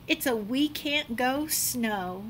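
A middle-aged woman's high-pitched voice carries through a small classroom as she reads a picture book to children, teacher-style. She stretches out her words and performs each line with lively, dramatic expression. There's a slight background noise.

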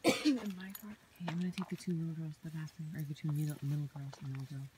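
A middle-aged mother briskly giving her kids directions at a campground, filmed on a handheld phone. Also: low-pitched, steady tone. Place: outdoor campground. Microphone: handheld phone camera at arm's length. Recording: handheld phone camera with loud background noise.

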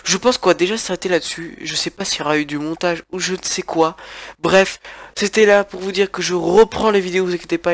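Teen guy vlogging, french accent, stuffed up nose from a cold, high voice, dry close sound, rambly. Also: fairly bright tone, dry recording. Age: teenager, about 14. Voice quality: congested, blocked nose from a cold. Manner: informal, rambling, gesturing. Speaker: YouTube gaming channel host. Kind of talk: casual vlog chat to camera. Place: small attic bedroom.

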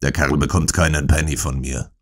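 A man reads out a hard-hearted old moneylender for a storybook, his voice sitting extremely low. The lender growls his words gruffly, irritated and cold, as if every question wastes his time. It is recorded close on a studio microphone. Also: steady tone, brisk, a bit bright. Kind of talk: audiobook character voice.

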